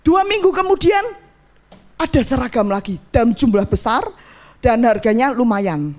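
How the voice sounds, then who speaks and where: High-voiced woman preaching with fervor. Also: normal speed. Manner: animated preaching with sudden emphatic rises, then quiet, low testimony. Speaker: church speaker giving testimony. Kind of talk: sermon with personal testimony.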